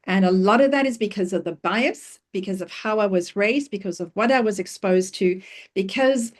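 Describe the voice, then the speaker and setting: A woman's voice: medium pitch, normal speed. A middle-aged woman from Africa, speaking to an audience and telling personal stories with emphatic questions. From South Africa. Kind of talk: talk to an audience.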